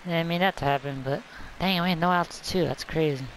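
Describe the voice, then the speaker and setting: Male gamer, excitable running commentary, slightly raised pitch, faint background hiss. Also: fairly quick, low-quality recording. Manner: excitable, talks to the game and his viewers. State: throat irritation, clearing his throat. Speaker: gameplay commentator. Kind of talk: casual let's-play commentary.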